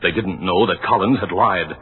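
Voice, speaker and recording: A man narrating a radio drama in a measured, dramatic way. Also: low-pitched, husky. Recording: tinny old radio broadcast with music. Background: music.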